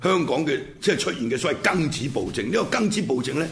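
A man's voice: a little high, very animated, fast, vocal fry, a bit bright, a little hiss or hum. A man with a Hong Kong Cantonese accent hosts an unscripted political commentary, speaking in blunt colloquial language and punctuating points with rhetorical check-in questions. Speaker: commentary show host.

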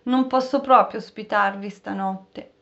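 A man's voice: high-pitched, fairly even intonation, a little slow, vocal fry, a bit bright, lo-fi sound, heavily acted. A woman voicing a courteous, apologetic male innkeeper in an audiobook reading.

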